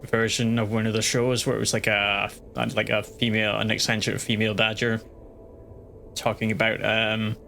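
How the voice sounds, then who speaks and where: A man's voice: on the low side, monotone, normal speed, creaky, bright, forceful tone, slight background noise. A man streaming a game live, chatting casually and rambling with lots of restarts. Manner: rambling, full of fillers and restarts. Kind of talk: casual gaming livestream chat.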